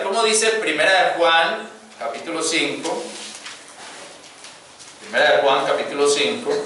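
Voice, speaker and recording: A man preaching in a church, telling a personal story and quoting scripture in a loose, conversational way full of fillers and "right?". His voice sits fairly high and sounds bright and forceful. The sound comes from far off in a strongly echoing hall, with faint room noise behind it. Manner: chatty storytelling with frequent fillers and rhetorical "¿cierto?". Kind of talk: conversational sermon.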